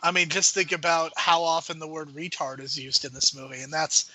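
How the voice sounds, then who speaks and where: A man co-hosting a podcast, talking films in a measured way and often hedging his points. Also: fairly high pitch, little pitch movement, pushed and bright, rough recording. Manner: measured, hedging with frequent "I think". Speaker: podcast co-host. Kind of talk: casual film discussion.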